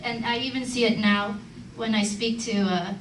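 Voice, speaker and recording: A woman's voice: a little high, steady tone, moderate pace. A woman in her thirties from Los Angeles, speaking up at a community meeting, earnest and reflective, with many hesitant fillers. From Los Angeles, United States. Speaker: audience member at a community meeting. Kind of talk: personal testimony in open discussion. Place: large meeting room indoors. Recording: roomy hall, distant mic, faint hiss.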